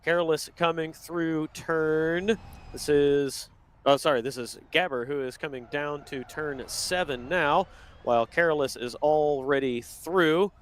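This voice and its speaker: A man delivers live sim racing commentary at a steady clip, calling each corner and lap time. His voice sits a little on the high side. He often stops mid-sentence to correct a name or a turn number. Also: slow pace, clear, resonant tone.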